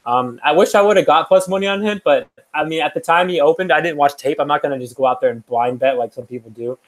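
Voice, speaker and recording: A man's voice: fairly high pitch, quick pace, poor audio. A young man co-hosting a podcast, talking through fight picks in a loose, rambling way with lots of fillers and restarts. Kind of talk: casual chat.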